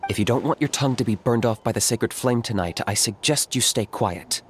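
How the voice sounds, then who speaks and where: A man voicing a cool, businesslike young warrior guide in a video game, matter-of-fact and measured. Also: medium pitch, a little hiss or hum, lightly acted. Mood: cool threat. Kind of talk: video game character dialogue.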